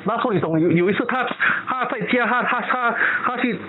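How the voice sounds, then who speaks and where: Over a tinny phone line with crowd noise, a man with a Malaysian accent rambles casually about his wife, often losing his thread and starting over. His voice is extremely high and fairly quick.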